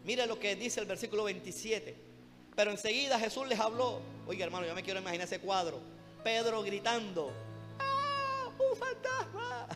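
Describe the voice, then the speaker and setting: Fervent male preacher, rather high voice, long church reverb, background music. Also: fairly quick. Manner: fervent, keeps calling listeners "brother", rhetorical questions. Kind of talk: sermon. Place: church hall.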